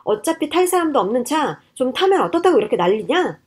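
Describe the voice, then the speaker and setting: A woman's voice: high-pitched, very animated, fairly quick, breathy edge, voice pushed up, heavily acted. A woman doing an indignant, entitled husband. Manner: indignant, shouting back. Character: arrogant, entitled young husband, defensive.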